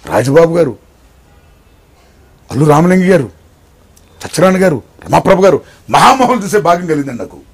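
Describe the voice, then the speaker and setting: An older man as an interview guest, telling his life story in an animated way, swinging between loud excitement and hushed tones. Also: fairly high pitch, fairly quick, long pauses, slightly rough.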